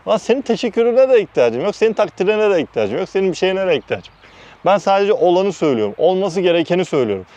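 A man from Turkey telling a heated story about his workplace, blunt and animated, repeating "I said" between quoted lines. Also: high-pitched, quick pace. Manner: heated, animated retelling with constant "dedim" between quoted phrases; blunt, uses mild swearing. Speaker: vlogger recounting work experiences. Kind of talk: casual storytelling.

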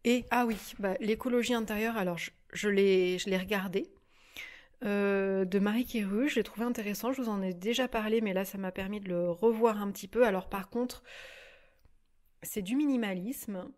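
A woman's voice: medium pitch, moderate pace, darkish tone. Hesitant woman chatting about books. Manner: hesitant, many fillers and restarts. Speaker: vlogger reviewing books. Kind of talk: casual chat. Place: at home by her desk.

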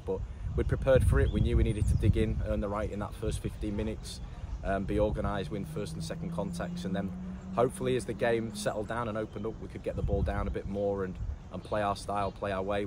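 A man, a football manager giving a post-match interview in a measured way, often saying "obviously" and restarting his phrases. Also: on the low side. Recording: loud outdoor noise with traffic.

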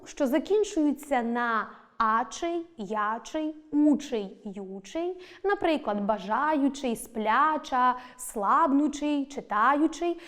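Higher-voiced woman teaching a lesson. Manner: clear, deliberate, stresses each example word. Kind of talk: scripted lesson narration.

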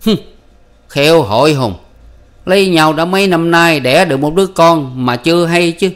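In a somewhat high, deliberately raised yet natural voice at a moderate pace, a male audiobook reader plays a blunt older village official. The character teases and mocks a simple farmer, laughing at him.

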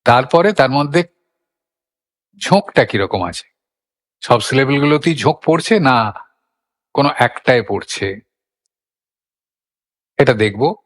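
An older man gives a recitation lesson at a middle pitch. He explains each step patiently, often posing a question and then answering it. His voice rings with a long reverb, as if in a large hall. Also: animated, unhurried, long pauses. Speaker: recitation teacher.

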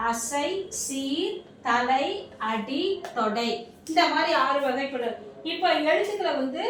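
A woman's voice: sits high, a bit bright, slight background noise. A woman teaching grammar in a classroom lesson, asking the class questions and answering them herself, over and over. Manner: repetitive, quizzing questions then answering them. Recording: echoey room, mic far off.

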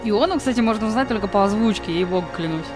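A woman's voice: mid-range voice, expressive, fast talker, music in the background. A woman giving casual let's play commentary with informal, rambling asides. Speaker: game streamer.

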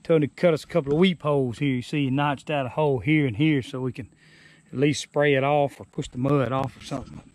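A man in his forties from Alabama, with a Southern US accent, talks at a quick pace in a mid-range, slightly mellow voice. He casually walks around a rebuilt trailer on a rural farm lawn, showing it off in a folksy, rambling way and stopping and restarting sentences. An action camera records him, held or worn and sometimes set down.

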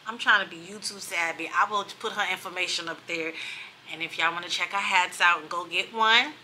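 A woman's voice: fairly low pitch, a little fast, slight background noise. A middle-aged woman, chatting and rambling in a casual vlog from a hotel room. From New York. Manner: chatty, rambling, animated asides. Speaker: vlogger.

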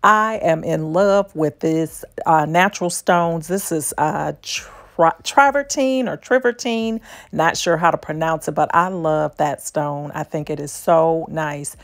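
An older woman with a low voice and a gravelly edge talks her way through a furniture outlet. Her narration is casual and homespun, full of folksy asides, as if shared with a friend. It is picked up on a handheld phone while she walks. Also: a little slow. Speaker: shopping vlogger.

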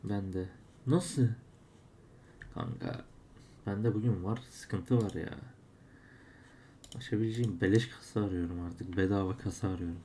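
A man's voice: deep voice, animated, measured pace, gravelly, pauses often, dark tone, a little hiss or hum. A man narrating his case openings as he plays, grumbling and exclaiming whenever he loses. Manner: frustrated, exclaiming at losses. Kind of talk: live commentary while opening cases.

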